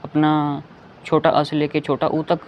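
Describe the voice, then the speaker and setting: A man's voice: fairly high pitch, completely flat delivery, a little slow. A man teaching a lesson, patiently repeating each sound and often checking that listeners follow. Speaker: Hindi teacher. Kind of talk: slow explanatory lesson. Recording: dull lo-fi recording with faint background noise.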